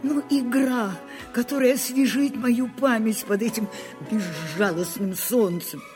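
Actress as an elderly grande dame, bossy then pleading, slow, measured delivery, faint music underneath. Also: female voice, a little high, close to an everyday voice. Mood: coaxing. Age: older. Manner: commanding, then coaxing and pleading. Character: imperious elderly grande dame, demanding and forgetful. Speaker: aging grande dame dictating her memoirs. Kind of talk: dubbed film drama.

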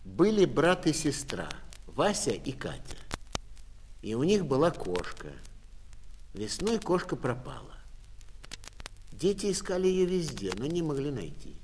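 Guy reading a kids story, calm and measured, lively tune. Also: on the high side, slight background noise. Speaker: narrator.

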